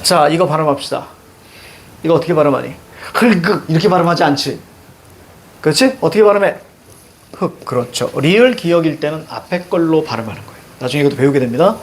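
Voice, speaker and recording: Lively high-voiced male teacher. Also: fast, slight background noise. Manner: lively, questioning students, repeating key words. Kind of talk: classroom grammar lesson. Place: classroom.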